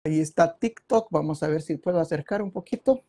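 Sitting at a computer at home, a man hosts a casual live stream, reading viewers' comments aloud and wandering between subjects. His voice is a little high with a dark tone, and he talks slightly fast.

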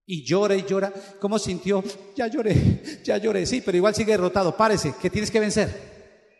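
A male pastor delivers an impassioned, exhorting sermon, pressing his points by repeating them. His voice sits unusually high for a man. The sound rings through a church hall with a long, roomy reverb. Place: church sanctuary.

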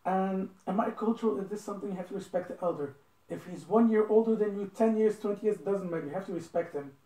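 Sitting in a living room, a Belgian interview guest in his twenties gives earnest, casual answers and keeps repeating points to stress them. He talks fast in a high, warm voice. A phone camera across the table captures him, giving a roomy, distant sound.

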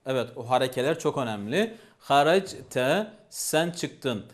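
A man's voice: mid-range voice, expressive, unhurried. A man teaching a language lesson, patiently repeating each phrase and asking questions.

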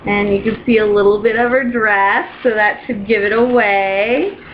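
Excitable young woman gushing over a doll. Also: medium pitch, normal speed. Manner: excitable and gushing, with many ums and restarts. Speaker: doll collector vlogger. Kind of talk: casual unboxing vlog. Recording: dull lo-fi home video with faint hiss.

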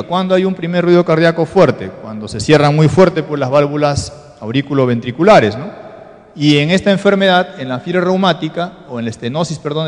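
Peruvian male lecturer, somewhat high voice, quizzes the class as he explains, long hall reverb. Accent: Peruvian Spanish. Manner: explanatory, asks the class rhetorical questions. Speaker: medical lecturer. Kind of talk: exam-prep cardiology lecture.

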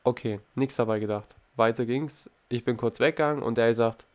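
A man's voice: medium pitch, fairly quick. A young man casually telling a story over gameplay, full of slang and swearing, acting out what people said. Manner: slangy, swears a lot, acts out quotes. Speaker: gaming YouTuber.

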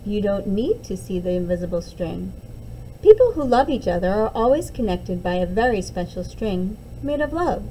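Gentle storybook mother, played by a female reader: patient, soothing, mellow, lilting. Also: mid-range voice, sing-song, normal speed, a little hiss or hum, natural voice, low-quality recording. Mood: reassuring. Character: gentle, reassuring young mother of twins.

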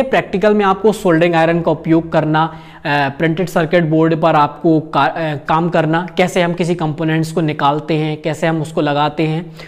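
Young man explaining a course to camera. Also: a little high. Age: young adult. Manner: casual, peppers talk with filler tags and gestures while explaining. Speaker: channel host, course guide.

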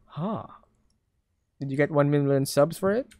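A man's voice: a little high, unhurried, a little mellow. A young man with a Filipino accent commenting casually on a horror game as a scared, reactive streamer. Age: young adult. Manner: scared, reactive gamer exclamations.

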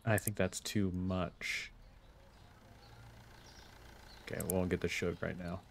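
Playing a store management game, a male gameplay host offers easygoing let's play commentary, muttering his thoughts as he goes. He speaks at a normal speed in a low voice with little pitch movement and some vocal fry, over slight background noise.

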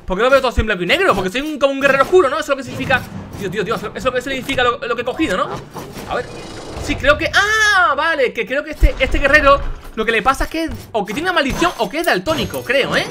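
A young man with a Spanish accent commentating a video game he is playing, casual, excitable, shouting and swearing when things go wrong. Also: very high voice, very fast, music in the background. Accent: Spain. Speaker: gaming youtuber. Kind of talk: casual let's play commentary.

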